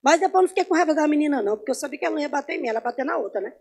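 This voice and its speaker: A woman teaching an informal Bible class in church. She tells personal stories, asks the class questions and swings between loud and soft. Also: high voice, lively intonation, very fast, creaky. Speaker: Sunday school Bible teacher.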